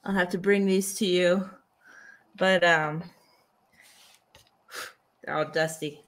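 A woman in her thirties, a host and artist, leads a casual video chat about art from a cluttered indoor studio. Her voice is on the low side, steady and slow, picked up by a boom-mounted desk microphone on a video call.

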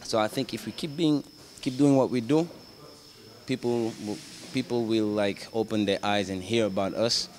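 Earnest low-voiced man. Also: fairly even intonation, moderate pace, a little mellow, slight background noise. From Senegal, raised in the UK and France. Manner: earnest, hesitant, many fillers and restarts. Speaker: Muay Thai coach. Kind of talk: casual interview answers. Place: indoor gym, in front of a banner. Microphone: handheld microphone.

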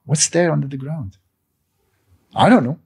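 This cafe owner in his sixties speaks with a voice on the high side, creaky and husky, at a moderate pace. A non-native English speaker, he gives an impassioned, preachy interview monologue in a living room, gesturing emphatically while talking into a fluffy handheld mic.

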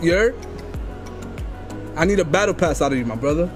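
Over music, a young man in a headset makes prank calls from his home streaming room, his voice fairly high, animated and brisk. He's pushy and demanding, packing his talk with street slang.

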